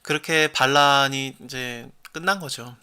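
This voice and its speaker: A man with a bright, clear-edged voice gives a relaxed Bible study lesson. He retells the story in an easy, chatty way and slips into short quoted lines for the characters. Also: medium pitch, a little slow.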